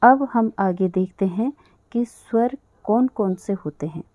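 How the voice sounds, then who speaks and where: Slow, patient woman teaching children. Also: mid-range voice, no echo, narrow, tinny audio. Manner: patient, spells out sounds slowly and repeats them. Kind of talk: children's language lesson.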